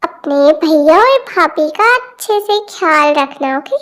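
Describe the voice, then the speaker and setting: Woman doing a bossy strict mom in a fan dub, lowers her high voice a bit, keeps saying okay. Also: animated, unhurried, a bit bright. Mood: stern. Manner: bossy, repeats "okay?" after orders. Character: strict middle-aged mother scolding her children. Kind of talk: amateur Hindi fan dub.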